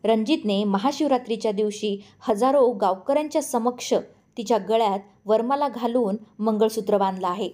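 A woman narrating a story aloud in a steady storytelling manner. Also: fairly high pitch, moderate pace. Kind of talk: audiobook narration.

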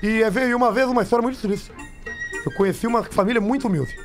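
A man's voice: high-pitched, fast talker, soft background music. A man telling comic stories on a radio show, repeating phrases to build drama, close on a studio microphone. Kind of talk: comic storytelling in radio banter. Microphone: studio microphone, close, with headphones.

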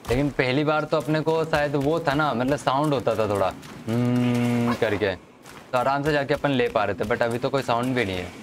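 This commentator's medium-pitched voice moves at a moderate pace as he chats casually through his gameplay, talking to viewers and to opponents. Game music runs underneath, and the recording has a slight hiss or hum.

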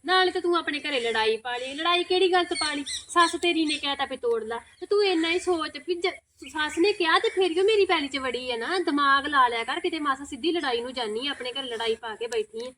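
A woman with a Punjabi accent lectures in a high, quick voice, reasoning and scolding without pause. Faint background noise sits under her lines. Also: bright, forceful tone. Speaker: actor in a village short film. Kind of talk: rural Punjabi short-film acting.

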